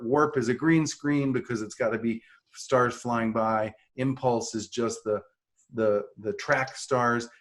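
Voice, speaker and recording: A middle-aged man co-hosting a podcast, thinking back and going through details step by step in casual chat. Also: on the low side. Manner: reflective, recalls details step by step. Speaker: podcast co-host.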